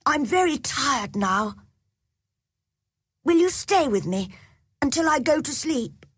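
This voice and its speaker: A woman putting on a high, pleading sickly boy. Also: animated, slow pace, a bit bright, no room sound, clean studio sound, full character voice. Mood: tired. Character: sickly anxious spoiled young boy.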